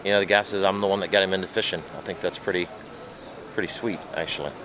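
Filmed on a handheld camera held at arm's length, a friendly fishing pro in his forties chats fast in a low, steady voice while crowd noise and hall ambience fill the background. He greets fans in a crowded hall, later talks from a hotel room, and keeps things upbeat with plenty of "dude" and "man."

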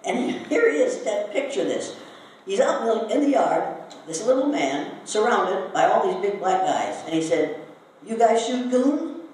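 An older woman from Iowa, in the United States, tells a story to a live audience and puts questions to them. Her medium-pitched, darkish voice has lively intonation and a moderate pace, heard from a distance in a very echoey hall with faint noise.

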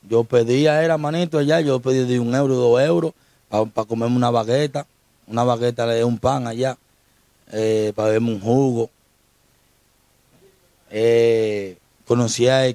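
A young Dominican man, appearing as an interview guest, tells an emotional personal story in slangy street talk, repeating street terms of address. His voice is mid-range with a darkish tone, and the recording is dry.

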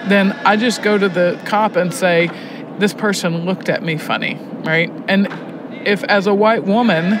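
Speaking over car noise inside a moving vehicle, an Alabama woman who teaches poetry in prisons and heads the program reflects candidly in an interview. Her medium-pitched voice goes a little slow, and road sounds are clearly audible.

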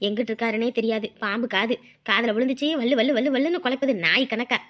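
A woman playing a village housewife in a comedy sketch, rapidly griping about her in-laws to a neighbour. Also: on the high side, fairly even intonation, a bit bright, natural voice. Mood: gossipy. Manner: rapid gossipy complaining.

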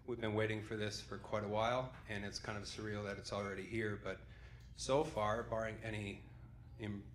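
A young man, the groom, gives an unscripted thank-you speech into a handheld mic, halting and filling pauses with many ums. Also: lowish voice, level tone, roomy sound, slight background noise. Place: wedding reception in a large dining room.

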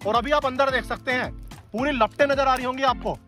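Guy vlogger hyping up a factory tour, asks the workers stuff, really high bright voice, soft music under it. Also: brisk. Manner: enthusiastic, addresses viewers as guys, asks workers questions. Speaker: food vlogger host. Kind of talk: on-location factory tour narration and interviewing.

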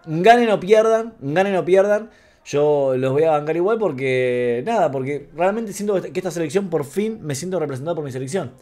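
A man with an Argentine accent giving a live, excitable reaction to a football match, talking straight to the screen. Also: a little high, moderate pace. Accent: Argentine Spanish. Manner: excitable, emotional, talks to the screen.

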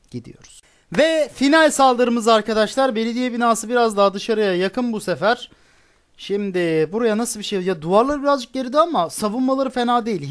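A man giving chatty commentary on his own strategy game attack, now and then bursting out in exasperation. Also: high voice. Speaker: gaming YouTuber.

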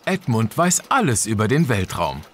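A man's voice: medium pitch, very animated, normal speed, a little hiss or hum, close to an everyday voice. A man narrating a children's cartoon in a scripted storytelling style.

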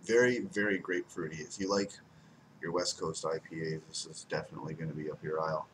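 With an extremely low pitch and steady tone, a young adult man talks quickly through a casual beer review at home beside the window blinds. He rambles and repeats words for emphasis. The desk webcam recording has a noisy background.

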